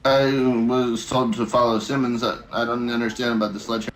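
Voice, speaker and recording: A man playing a hapless, literal-minded private in an improvised zombie game, earnest and deadpan. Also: medium pitch, fast, slight background noise, close to an everyday voice, poor audio. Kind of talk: improvised online game role-play.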